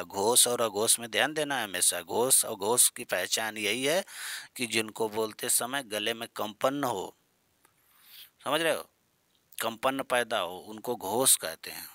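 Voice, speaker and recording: A male Hindi grammar teacher gives an online exam-prep lesson in a bright, forceful voice. He quizzes his students, repeats the key terms, and mixes in playful jokes and mock scolding. The sound is dry and close, with no room echo. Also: fairly low pitch, measured pace. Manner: explains with questions, repeats key terms, calls students "बेटा", "बच्चों".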